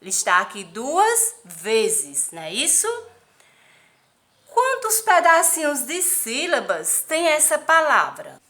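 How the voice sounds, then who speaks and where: A woman teacher, giving a slow literacy lesson to young children, counting aloud and asking questions. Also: sits high, wildly swooping pitch, sharp tone. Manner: asks many questions, counts aloud, tag questions like "não é isso?". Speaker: primary school teacher. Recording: echoey room, mic at a distance.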